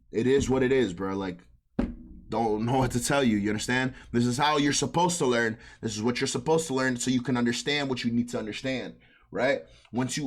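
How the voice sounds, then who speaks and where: A man giving a casual trading lesson, blunt and heavily profane, constantly checking in with "right?" and "you understand?". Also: a little high. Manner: frequent tag questions "right?" and "you understand?". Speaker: trading instructor.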